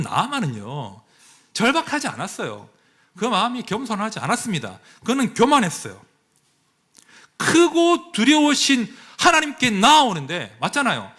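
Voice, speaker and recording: Male pastor, sermon, rhetorical questions, bright tense tone, high voice. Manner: animated, rhetorical questions to the congregation.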